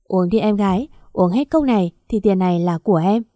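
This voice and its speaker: Drunk, leering men coax and press in raised voices, as a woman reads them aloud. The voice stays mellow and dry, in a spoken storybook. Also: medium pitch, brisk, no echo, close to an everyday voice. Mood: pushy. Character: drunk male partygoers, leering and pushy.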